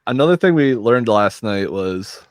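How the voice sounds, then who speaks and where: Low laid-back male podcaster. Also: animated, measured pace, no echo, studio quality. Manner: laid-back, chuckles often, short back-channel replies. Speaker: podcast host. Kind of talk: casual chat.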